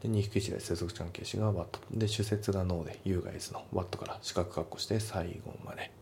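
A man's voice: sits low, steady tone, brisk, gravelly, a little mellow, slight background noise. A man teaching a test-prep English lesson, explaining the grammar step by step and repeating each pronunciation point twice.

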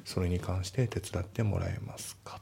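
Low gravelly man teaching English. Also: slight background noise. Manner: relaxed, explains step by step, reads English lines slowly. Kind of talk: casual spoken lesson.

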